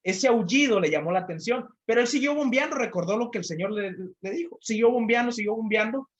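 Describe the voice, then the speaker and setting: A man's voice: high voice, animated, fast, muffled recording. A man, a motivational trainer, telling a story with many repeated phrases and speaking directly to the listener.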